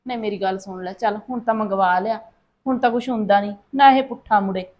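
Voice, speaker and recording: A woman's voice: mid-range voice, steady tone, fast talker, lo-fi sound, lightly acted. An actress playing a thrifty middle-aged mother-in-law who scolds in a lecturing way, with a Punjabi accent. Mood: scolding. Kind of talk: short-film acting.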